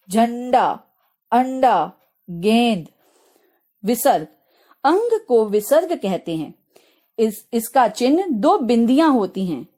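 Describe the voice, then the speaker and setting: Slow sing-song woman teacher. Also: a little high, darkish tone. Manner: slow, clear, sing-song reciting of letters and examples. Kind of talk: recorded school lesson for young children.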